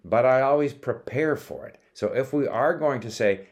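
Heard through lo-fi sound, an older man born in Sweden and brought up in Canada explains language points to the camera in a casual monologue. His pitch is medium and his pace moderate, and he stays calm through occasional hesitations and restarts.

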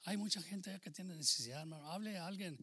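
An older man giving an earnest church testimony, exhorting his listeners as brothers and bursting into loud emphasis. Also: sits high, fast talker, dry recording. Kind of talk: testimony sermon.

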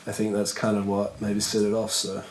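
A man's voice: on the low side, completely flat delivery, brisk, slight background noise, rough recording. A man, a skateboarder chatting as a podcast guest in a laid-back, rambling way full of fillers. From New Zealand. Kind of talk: casual podcast chat.

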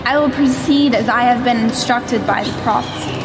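Brief: actress as a resolute young heroine, high and clear, music under. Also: female voice, normal speed, close to an everyday voice. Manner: firm, resolute. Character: young girl Abigail, steadfast and devout. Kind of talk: audio drama acting. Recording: reverberant with music.

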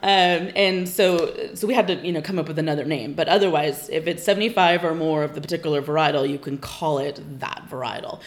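A woman's voice: sits low, steady tone, a little fast, hardly any pauses. A woman from Northern California, a winery guest on a casual podcast, explaining things patiently and informatively with frequent ums.

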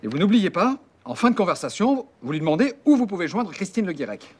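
An actor playing an impatient, scheming, sarcastic man in film dialogue, brisk and condescending. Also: high-pitched, big pitch swings, slightly rough, heavily acted.

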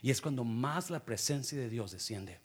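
A man preaching a lively sermon as pastor, acting out scenes, calling out sound effects and laughing. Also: mid-range voice, normal speed. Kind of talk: energetic bilingual sermon. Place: church.

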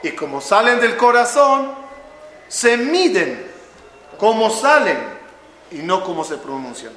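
A man's voice: high voice, very animated, slow pace, a bit bright, slight background noise. A man teaching a religious class, telling stories and asking questions of the audience. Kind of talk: Torah class to a live audience. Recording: echoey room.

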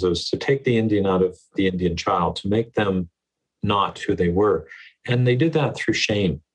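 Male educator guest, slightly husky, lowish register; earnest, emphatic, repeats key words. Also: low-quality recording. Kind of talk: earnest conversational interview.

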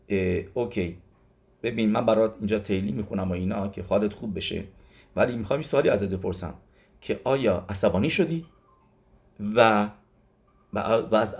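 A man teaching a religious lesson, retelling stories in a loose conversational way that halts and often restarts words. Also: fairly low pitch. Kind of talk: storytelling Torah lesson.

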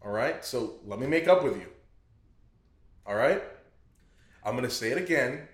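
A young man co-hosting a podcast, teasing his friend in a dry, deadpan way and telling stories with relish. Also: mid-range voice, normal speed. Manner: dry, teasing deadpan with sudden excited storytelling. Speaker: podcast co-host. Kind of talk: casual chat. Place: indoor podcast room. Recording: echoey room.

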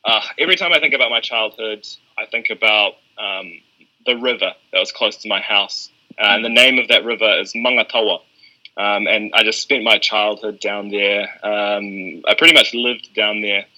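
A man's voice: on the low side, moderate pace, muffled recording. A man with a New Zealand accent, a guest talking thoughtfully in a podcast interview. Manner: relaxed, thoughtful, many ums.

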